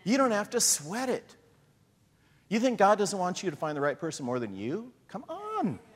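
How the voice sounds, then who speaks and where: A middle-aged man preaching a sermon in a lively, conversational way, acting out the voices he quotes. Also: high voice, normal speed. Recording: long hall reverb.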